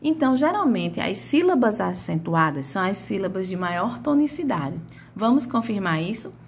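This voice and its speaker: A woman's voice: medium pitch, very animated, moderate pace, a little hiss or hum. A woman teaching a grammar lesson, stretching out and calling out example words as she explains.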